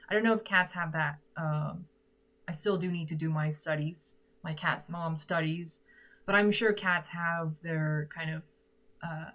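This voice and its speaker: Low-pitched with a fairly bright tone, a young woman from Korea who writes and sings her own songs talks casually with viewers, answering live comments while giggling and thinking aloud.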